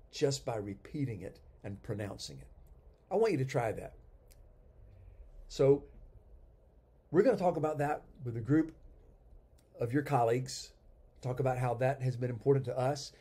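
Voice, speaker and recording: Lively, husky-voiced man teaching a sermon. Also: mid-range voice. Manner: animated teaching with emphatic repetition. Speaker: pastor.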